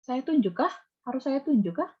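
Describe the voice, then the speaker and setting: A woman's voice: high-pitched, big pitch swings, fairly quick, slightly rough, dull audio. A woman lecturer teaching math in an online class, questioning and prodding her students. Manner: questions students, coaxing and scolding. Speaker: university lecturer. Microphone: video call.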